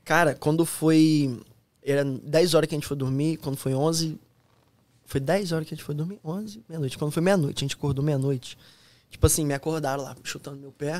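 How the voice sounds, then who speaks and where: A man with a Brazilian accent, a podcast guest telling a story in a slangy, animated, casual way in a studio. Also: fairly high pitch, a little fast, no room sound. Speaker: guest, former U.S. Army soldier.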